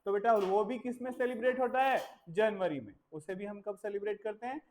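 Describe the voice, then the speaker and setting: A woman's voice: mid-range voice, brisk, a little mellow, slight background noise, low-quality recording. A woman teaching a classroom of children, patiently repeating words to drill pronunciation and mixing English phrases into her Hindi. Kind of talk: classroom lesson. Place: village school classroom.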